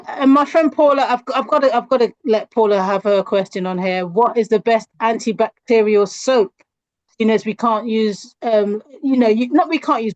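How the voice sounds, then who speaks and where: A woman's voice: on the high side, a little mellow, no echo, lo-fi sound. Giggly London woman hosting a chat. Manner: giggly, rambling with restarts. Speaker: host. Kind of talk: casual chat, reading viewer questions.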